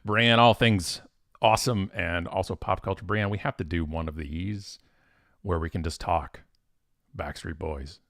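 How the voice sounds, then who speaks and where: Hosting a relaxed live-stream Q&A, this male professional speaker talks a little slowly in a low register. His delivery is lively and conversational, full of excited bursts, fillers, and false starts. It's studio-quality audio with no echo.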